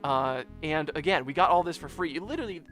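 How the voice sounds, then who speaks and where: Animated, higher-voiced man doing game commentary. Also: fast talker. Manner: rambling, chatty, addresses viewers as guys. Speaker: gameplay video host. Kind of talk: casual let's play commentary.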